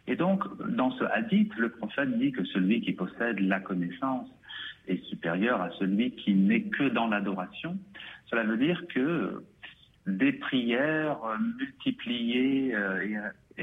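A man speaks as an invited guest, explaining religious ideas in a calm, measured way and pausing to search for his words. His voice comes through a thin, tinny phone-line sound with a middle pitch. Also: a little hiss or hum. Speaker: guest speaking on Islamic teaching.

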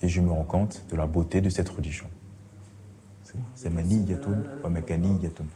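A man's voice: low-pitched, steady tone, crowd noise. A man in his thirties from French Guiana, a theology student speaking earnestly in a documentary interview. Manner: earnest, measured. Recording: roomy echo.

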